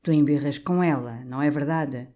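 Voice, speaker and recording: A woman's voice: sits low, moderate pace, mellow, natural voice. A woman voicing an old, stout, blustering canon priest who bellows in outrage, for an audiobook. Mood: coaxing.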